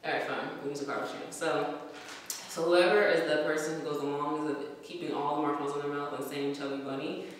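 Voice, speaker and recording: A woman's voice: low-pitched, fairly even intonation, quick pace. Young woman chatting in a very echoey room. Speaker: vlogger explaining a challenge. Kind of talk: casual chat. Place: small indoor room. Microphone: camera mic a few feet away. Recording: very echoey, distant, noisy room recording.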